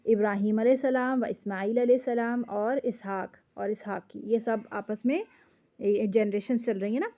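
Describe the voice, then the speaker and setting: A woman's voice: on the high side, fairly even intonation, warm tone. A woman, teaching a word-by-word translation lesson, patiently explaining each word and checking that her students follow.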